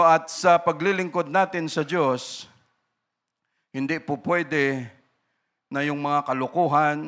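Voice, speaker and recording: Filipino male pastor, bright and somewhat high, preaching with soft lows and loud emphatic bursts, constant "no?" tags. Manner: mixes English phrases into Tagalog, frequent tag "no?". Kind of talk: sermon.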